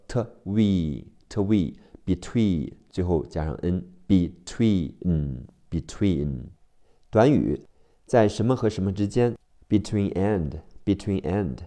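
A male teacher drilling English word spellings letter by letter, slow and deliberate. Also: sits low, dark tone. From China.

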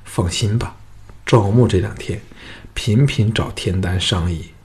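Audiobook role: coquettish young woman, playful and teasing, read by a man in a low, husky voice. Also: measured pace, darkish tone.

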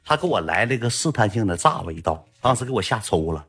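Husky man, fast talker, northeastern mandarin accent, young adult, blunt slangy livestream storytelling. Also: on the low side, big pitch swings, a bit bright.

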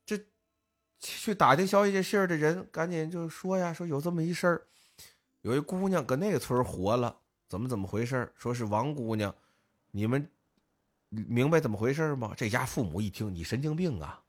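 A man, co-hosting a podcast and telling a folk tale in lively, casual speech, putting on the voices of the villagers. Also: mid-range voice, fairly quick. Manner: lively storyteller, acts out village voices, northern colloquial. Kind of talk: casual storytelling chat.

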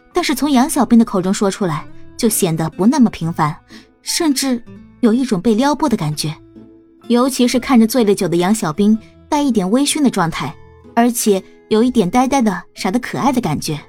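A woman narrating a storybook in a calm, even reading voice. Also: fairly high pitch, fairly quick, faint music behind. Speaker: audiobook narrator.

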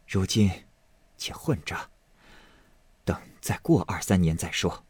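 A man voicing a gentle, sorrowful older noble lady in a storybook reading, speaking soft and hushed. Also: deep voice, lively intonation, takes it slowly, husky, dry recording, full character voice. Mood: measured.

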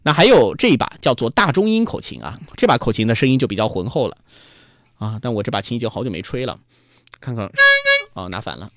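A man's voice: medium pitch, sing-song, fast. A man hosting a live-streamed music talk show, explaining in a chatty way with fillers and restarts. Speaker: host.

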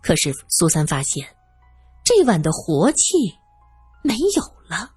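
Lively, husky-voiced woman narrating a story. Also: low-pitched, a little slow, soft background music. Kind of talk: serialized audiobook narration.

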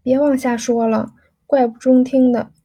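A woman's voice: high voice, little pitch movement, moderate pace, warm tone. A woman voicing a shy young woman being courted, coy and teasing as she dodges a proposal. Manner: coy, laughing off the question.

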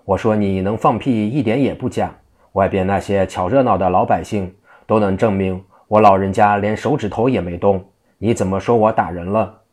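A man's voice: fairly low pitch, fairly even intonation, normal speed, darkish tone, lightly acted. A man voicing a scruffy, eccentric old monk who teases and mocks in cheeky banter. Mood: mocking.

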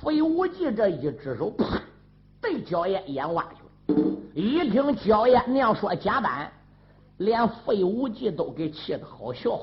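A man performing a traditional story, animated, with sound effects and asides to listeners. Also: sits high, measured pace, background noise. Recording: dull sound, faint music.

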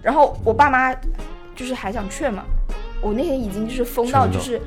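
Animated young woman telling a story. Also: on the high side, a little fast. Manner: animated storyteller who acts out quoted lines. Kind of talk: casual chat, telling a family story. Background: music playing underneath.

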